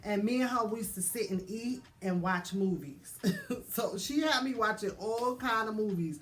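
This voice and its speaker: A mother telling her birth story in a casual, animated way, acting out voices. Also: mid-range voice, normal speed, slight background noise. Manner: animated, laughing, acts out voices.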